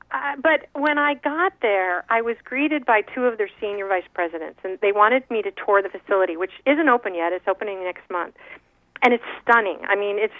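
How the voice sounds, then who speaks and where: A woman calls in to a radio talk show and tells a story in an animated, giggly way, often restarting her sentences. Her voice sits at an ordinary middle pitch. It comes through a thin, tinny phone line with no room sound. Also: dry recording. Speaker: guest speaker. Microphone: phone call.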